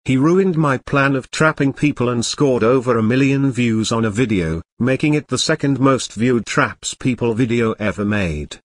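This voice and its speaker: A synthetic male voice playing a sulky, scheming troublemaker pupil in an animated video. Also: mid-range voice, moderate pace, few pauses, dry recording, close to an everyday voice. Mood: grumbling. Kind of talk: animated school video dialogue.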